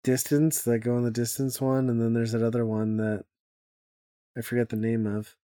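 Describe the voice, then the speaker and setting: A young man co-hosting a casual chat, blunt and quick to swear, laughing often. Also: medium pitch, level tone, dark tone, no room sound, clean studio sound.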